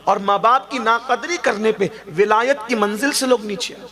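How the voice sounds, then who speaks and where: A man's voice: high voice, a crowd in the background. A man preaching a sermon, emphatic and exhorting his listeners.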